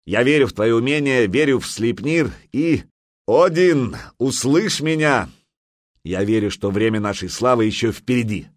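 A man's voice: fairly low pitch, moderate pace, no echo, clean studio sound. A man playing a stern, commanding viking jarl. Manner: calm, firm, commanding.

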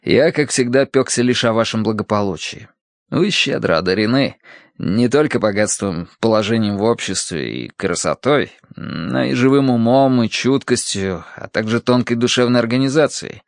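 A man narrating a novel as an audiobook in an even, measured way. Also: mid-range voice, no echo, clean studio sound.

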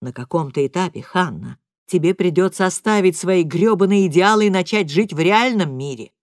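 A woman voicing an angry father who talks slowly and coldly in a lowered voice during a family argument, read as an audiobook. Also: animated, no room sound, studio quality. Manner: slow, low and measured. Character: stern, cold middle-aged father in a fight.

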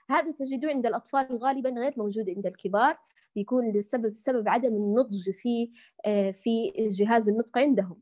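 The voice is a woman's, pitched on the high side, with the upper frequencies cut off. Teaching Quran recitation in a recorded lesson, she patiently models the sounds and warmly calls her listeners dear.

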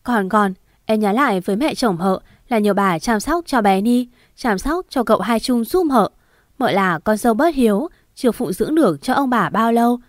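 A woman's voice: a little high, no room sound, close to an everyday voice. Crying ghost of a young mom, choked up and begging, as a lady reading a story does her, dry close sound. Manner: choked, sobbing delivery. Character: grieving young woman's spirit, tearful, pleading.

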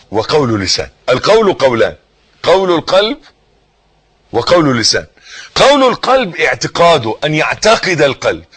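A man with an Egyptian accent preaching a sermon, teaching by repeating phrases and putting questions to his listeners, rising to emphatic bursts and then sinking to hushed words. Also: on the high side, husky. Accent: Egyptian Arabic. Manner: swings between raised emphasis and soft, hushed phrases.

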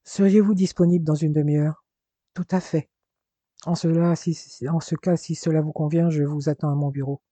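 A man's voice: on the high side, steady tone, normal speed, mellow, no room sound, natural voice. A man reading a firm, protective older father. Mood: concerned. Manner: formal, firm, reassuring.

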